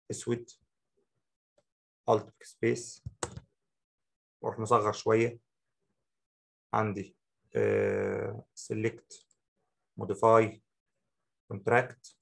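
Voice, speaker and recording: A man with an Egyptian accent teaching a software tutorial, talking the viewer through each step and repeating short phrases. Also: fairly low pitch, vocal fry, slightly rough. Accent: Egyptian Arabic. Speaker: Photoshop instructor. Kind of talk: screen-recorded software tutorial.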